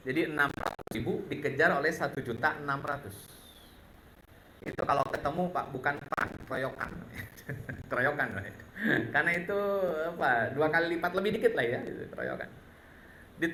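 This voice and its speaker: A man's voice: fairly high pitch, sharp tone. A man preaching a sermon, telling stories with humor and repeatedly addressing his listeners directly. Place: mosque hall. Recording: echoey mosque hall with faint noise.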